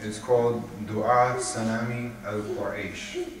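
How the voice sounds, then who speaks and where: A man's voice: mid-range voice, far from the mic, slight background noise. Man preaching in an echoey hall. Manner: measured, steady reading. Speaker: speaker at a religious gathering. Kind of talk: sermon with read-aloud prayer.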